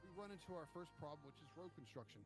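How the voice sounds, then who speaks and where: A man telling a long trip story in casual chat, animated and profane, acting out what people said. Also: a little high, fast talker, music in the background. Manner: animated, profane, acts out quotes. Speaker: podcast co-host.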